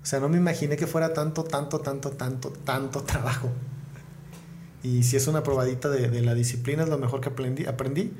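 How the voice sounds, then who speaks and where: A comedian with a northern Mexican accent, appearing as a podcast guest, tells stories in a casual, slangy, profane way and repeats words for emphasis. His voice is medium-pitched, steady, and brisk, and the recording has a roomy echo and clear background noise.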